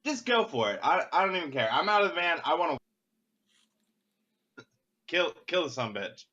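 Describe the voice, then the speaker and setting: A man's voice: a little high, very animated, normal speed, bright, forceful tone. A man playing a tabletop game, talking casually and joking. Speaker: player. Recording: dull lo-fi mic.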